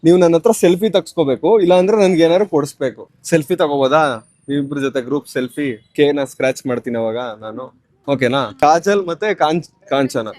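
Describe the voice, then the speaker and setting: A man hosting a street challenge vlog outdoors, his voice sitting a bit higher than most men's. He approaches strangers with quick, polite requests, then turns to chat with his viewers. The sound is dry and close, with little room echo. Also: a little mellow. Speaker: vlogger doing a street challenge. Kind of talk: casual street vlog, talking to camera and strangers.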